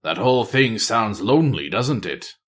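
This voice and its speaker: A weary veteran spy master, as a man reads him aloud, speaking in a low, quiet murmur with a dry, wry edge. His voice swings up and down through its range even as it stays hushed. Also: moderate pace. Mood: wistful. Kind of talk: audiobook-style character reading.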